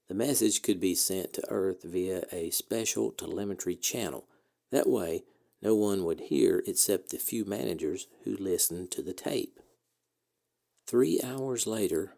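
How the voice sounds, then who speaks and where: A man reading scripted historical narration as a podcast host, in a measured, orderly way. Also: low voice, gravelly, dark tone.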